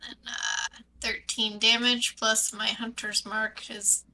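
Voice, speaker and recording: A woman with a very bright, fairly high voice plays a tabletop game and calls out her rolls in a playful way. A faint hum of noise sits behind her. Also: level tone, slow. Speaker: player. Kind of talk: casual tabletop play.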